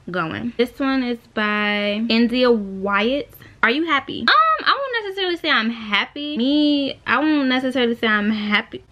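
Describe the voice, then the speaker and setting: A woman's voice: fairly high pitch, a bit bright, lo-fi sound. A woman of twenty-one answering viewer questions in a casual vlog, talking loosely with lots of fillers, filmed at arm's length in a small bedroom. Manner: chatty, laid-back, lots of "like" and "you know". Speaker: vlogger. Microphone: camera at arm's length.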